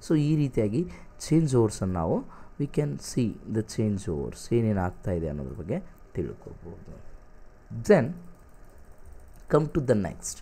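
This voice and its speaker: A man's voice: lowish voice, big pitch swings, measured pace, vocal fry, pauses often, mellow, husky. Kannada-accented man teaching English grammar. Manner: teaches in Kannada mixed with English, reads word pairs aloud, checks understanding. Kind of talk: online exam-prep class.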